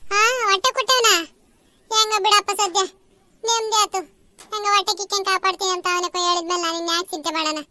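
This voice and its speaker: A shrill, pleading village woman voiced by a performer for a cartoon, speaking. The voice is extremely high and very bright, recorded close and dry. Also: fairly even intonation, fast talker, no room sound, full character voice. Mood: relieved. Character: pleading rural village women devotees. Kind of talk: cartoon voice acting.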